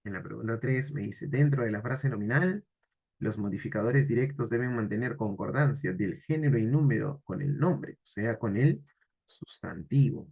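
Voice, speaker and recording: A man's voice: medium pitch, moderate pace, creaky, husky, muffled recording. A man teaching an exam-prep grammar lesson, asking the viewer questions and then answering them himself.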